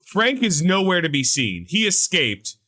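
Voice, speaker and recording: Podcast co-host, male, bright and sharp tone, lively sarcastic ranter who swears freely. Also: sits high, a little slow. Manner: animated, swearing, ranting with sarcasm. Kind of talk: casual pop-culture chat.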